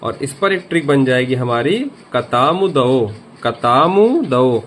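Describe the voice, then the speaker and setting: A man's voice: medium pitch, lively intonation, unhurried, a bit bright, a little hiss or hum. A man teaching a grammar lesson, repeating each point and asking the viewer questions. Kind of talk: grammar lesson explaining a memory trick.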